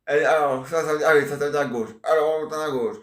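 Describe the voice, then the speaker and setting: A rambling middle-aged husband who grumbles on about his wife, as a man puts him on. He sounds fairly high for a man, repeats himself and keeps clearing his throat. The echoey room is clearly audible. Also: fairly even intonation, racing, lightly acted. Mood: grumbling. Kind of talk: homemade comic character sketch.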